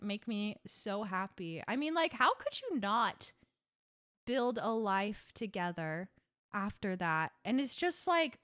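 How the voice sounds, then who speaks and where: A woman's voice: on the high side, a bit bright, no echo, studio quality. A woman streamer chatting on a live stream, gushing and giggling often as she talks to her chat. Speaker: VTuber streamer.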